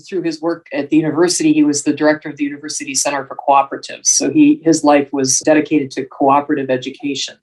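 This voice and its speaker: A woman's voice: sits low, a little mellow. Older woman from Wisconsin, earnest podcast guest, voice a little distant from the mic. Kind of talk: casual conversation.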